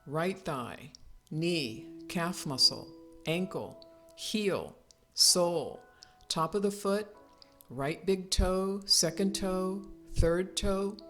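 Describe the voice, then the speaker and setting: A female yoga nidra instructor with a fairly low pitch talks listeners through relaxation. She keeps her guidance calm, soothing and unhurried, pausing often.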